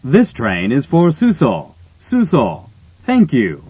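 A man gives formal train station announcements at a very slow, deliberate pace. His husky voice sits a little high and moves with lively intonation. The sound is dry and slightly dull. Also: no echo. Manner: measured, formal, short set phrases.

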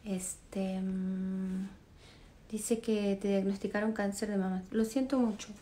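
A relaxed Chilean singer in her thirties answers fans on a phone livestream from her living room, the camera held at arm's length. She reads comments in casual chat, laughing often and trailing off with fillers. Her mid-range voice has a dark, mellow tone, and she takes it slowly with a loose, chatty delivery.

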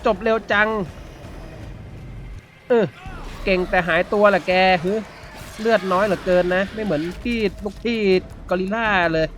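Excitable young man narrating a game. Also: sits high, unhurried, pauses often, a little hiss or hum. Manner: excitable, exclaims and narrates gameplay. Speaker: gaming YouTuber. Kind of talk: let's play commentary.

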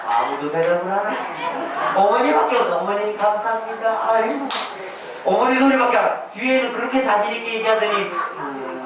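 A man's voice: high-pitched, lively intonation, normal speed. A man leading a clapping game for older women, chanting rhythmic calls and teasing them playfully. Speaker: senior recreation instructor. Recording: very echoey room, far from the mic, noisy.

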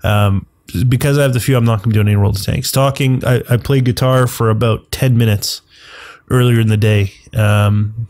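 A man running a gaming channel talks through a video game while congested from the flu, rambling, thinking aloud, and correcting himself in casual commentary. His medium-pitched voice is steady, a little mellow, and moderately paced, captured in a dry, studio-quality recording.

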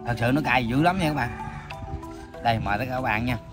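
A man's voice: mid-range voice, fast talker. A man in his thirties with a southern Vietnamese accent chats casually to viewers while eating, his mouth burning from spicy food. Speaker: mukbang host. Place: outdoors in greenery, sitting on the ground. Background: music.

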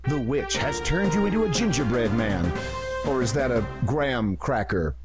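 A man's voice: mid-range voice, expressive, moderate pace, over music, close to an everyday voice. A man narrating a computer game in a dry, wry storytelling manner. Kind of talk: scripted narration.

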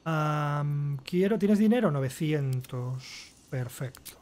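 A man's voice: fairly high pitch, expressive, takes it slowly, a little mellow, a little hiss or hum. A man with a Castilian Spanish accent reading game text aloud and commenting casually, with wry asides. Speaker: gamer playing and commenting.

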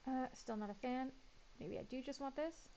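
A woman's voice: sits high, normal speed, mellow, a little hiss or hum, poor audio. A woman giving casual gameplay commentary, chatting and muttering to herself as she builds. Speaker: gaming YouTuber.

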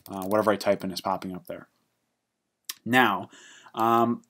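A man giving a casual screen-recorded coding lesson, halting and full of fillers as he works at his computer. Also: fairly low pitch, fairly bright tone. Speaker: programming instructor.

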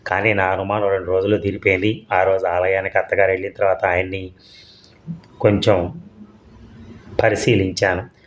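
A man narrating an audio story in a steady, unhurried read. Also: low voice. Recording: dull lo-fi audio.

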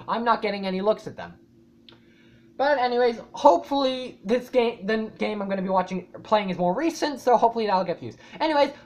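A woman YouTuber giving casual reaction commentary, rambling and swearing often, with loud startled outbursts. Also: mid-range voice. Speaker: YouTuber reacting to a fan animation.

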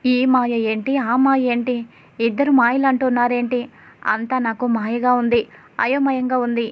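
A woman's voice: on the high side, level tone, moderate pace, muffled recording, close to an everyday voice. A woman voicing a confused older woman of the household who mutters questions to herself. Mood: puzzled. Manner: bewildered, muttering.

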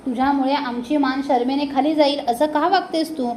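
A woman's voice: high-pitched, fairly even intonation, moderate pace, darkish tone, reverberant, a little hiss or hum, close to an everyday voice, rough recording. A woman voicing a stern middle-aged father-in-law who scolds at length. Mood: scolding.

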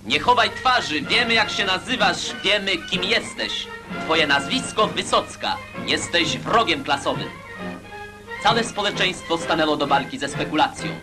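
A man's voice: high-pitched, animated, measured pace. A man narrating a 1950s newsreel as a voice-over, with a declamatory, emphatic announcer's delivery. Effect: old newsreel voice-over. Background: loud music.

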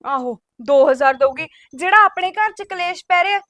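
A woman's voice: very high-pitched, lively intonation, moderate pace, a bit bright, no room sound. An actress playing an exasperated sister-in-law in a Punjabi village drama, insisting a woman be thrown out of the house. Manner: insistent, complaining. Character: fed-up sister-in-law demanding eviction. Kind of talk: rural village drama acting.

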